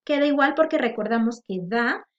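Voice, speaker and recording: Patient teacher woman, lo-fi sound. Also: high-pitched. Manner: patient, explains slowly with checking "¿ok?". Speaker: English teacher. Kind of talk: online grammar lesson. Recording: dull lo-fi audio.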